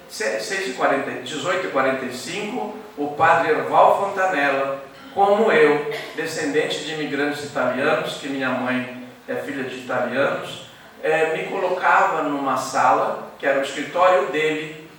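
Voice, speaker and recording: Echoey, bright-voiced man giving a ceremonial speech. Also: fairly high pitch, slight background noise. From Santa Catarina, Brazil. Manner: erudite, digressive, drops in Latin phrases. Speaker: academy member giving a tribute speech. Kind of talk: formal ceremonial speech with jokes. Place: embassy reception hall. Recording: echoey hall, mic far off.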